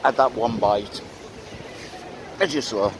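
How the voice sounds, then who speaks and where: A man's voice: medium pitch, slow pace. An older man chatting casually to viewers in an outdoor fishing vlog, with wind on the mic. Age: older, around 50s to 60s. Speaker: angler vlogger. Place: outdoors on a windy seaside pier. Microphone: handheld or tripod-mounted phone. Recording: loud wind buffeting the mic. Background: wind and sea noise.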